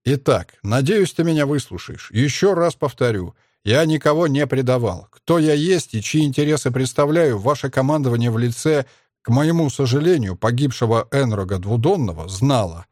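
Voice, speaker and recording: A man voicing a calm, cunning male alien star dog, speaking in a measured, lecturing way in an audiobook. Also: mid-range voice, no room sound, clean studio sound, lightly acted. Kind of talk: audiobook character reading.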